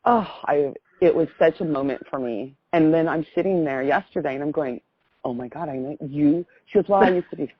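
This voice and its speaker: Calling in by phone, a middle-aged American woman shares a personal story, gushing and rambling in a casual way. She talks a little fast, with a low-pitched, slightly breathy voice. There's no room sound, though the call audio is muffled.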